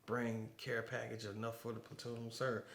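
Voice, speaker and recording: A man doing a formal young Marine recruit, stiff, third-person address, forceful voice, echoey room. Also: medium pitch, monotone, normal speed, vocal fry.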